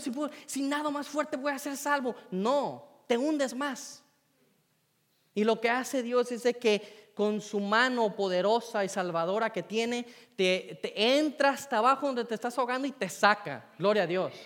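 A man preaching a sermon, telling a self-deprecating personal story in an animated way. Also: very high-pitched. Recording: long reverb in a hall.

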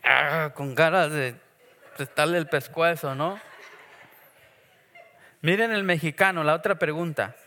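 High-voiced man preaching in an echoing hall. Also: unhurried, long pauses. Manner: lively, jokey preaching with acted asides. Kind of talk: sermon. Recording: long echo of a church hall.

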